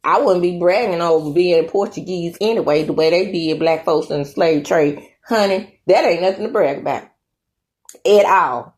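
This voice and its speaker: Her voice is on the low side and darkish, delivered at a normal speed. Hosting her own commentary channel, she gives her views chattily and with emphasis, tacking "okay?" onto her points.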